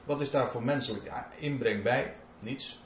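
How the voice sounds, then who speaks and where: A man with a medium-pitched voice preaches a sermon at a moderate pace, reading scripture verses aloud and explaining them with emphasis. The Bible exposition comes through on a roomy, dull lo-fi recording with slight background noise.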